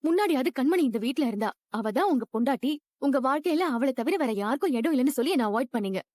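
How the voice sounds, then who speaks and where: A woman's voice: high-pitched, expressive, quick pace, a little mellow, no echo, clean studio sound. A woman playing a rich young woman who is obsessively in love, with a clingy, pleading and insistent manner in a dubbed drama.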